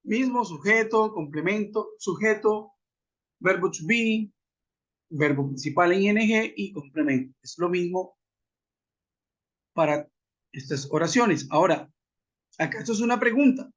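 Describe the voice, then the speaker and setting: Male English teacher, unhurried and methodical delivery, lo-fi web conference audio. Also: sits high, lively intonation, fairly bright tone. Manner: methodical, spells out letters and rhetorical questions. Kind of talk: online grammar lesson. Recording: dull lo-fi web call audio.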